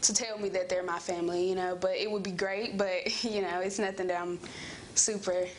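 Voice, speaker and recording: A woman's voice: mid-range voice, steady tone, brisk. A twenty-year-old woman, answering interview questions in a casual, hesitant, unscripted way. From Alabama, United States. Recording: noticeable background ambience noise.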